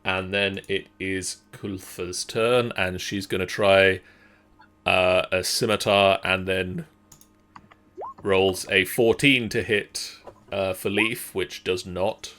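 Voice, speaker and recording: A man runs a tabletop game as game master. His voice sits fairly low and has a sharp, forceful brightness. He narrates casually and slowly, in halting phrases. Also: steady tone.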